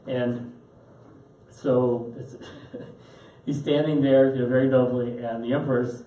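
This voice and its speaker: Chatty male Bible study teacher, mellow voice. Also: medium pitch, level tone, takes it slowly. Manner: chatty, acts out quotes, chuckles often. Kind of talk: conversational lecture. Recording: echoey room, distant mic, faint noise.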